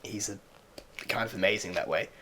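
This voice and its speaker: A man's voice: fairly low pitch, brisk, pushed and bright, a little hiss or hum. A young English man co-hosting a podcast, rambling through stories in casual chat with many fillers and laughs. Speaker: podcast co-host.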